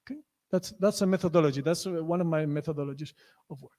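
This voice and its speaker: A man's voice: fairly high pitch, fast talker. A man with a Spanish accent, a native Spanish speaker, giving a conference lecture with many restarts and self-corrections. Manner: many restarts, acts out story lines loudly. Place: lecture hall. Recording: reverberant lecture hall.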